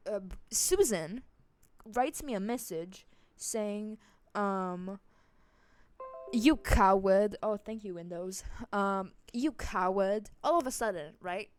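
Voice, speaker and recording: A woman's voice: smooth, no echo. A young woman telling a storytime vlog casually, rambling with lots of fillers, restarts and swearing, and her voice swings up and down dramatically. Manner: dramatic swings in loudness and pitch. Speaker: vlogger.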